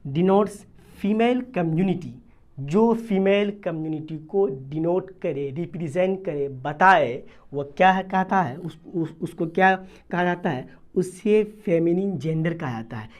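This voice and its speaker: A grammar teacher talks through a video lesson in a steady, repetitive way. Each point is put to the class as a question and then answered. The English definitions are read out carefully, one word at a time. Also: mid-range voice, unhurried. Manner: asks the class questions and answers them, repeating key terms. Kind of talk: classroom-style video lesson in Hindi mixed with English terms.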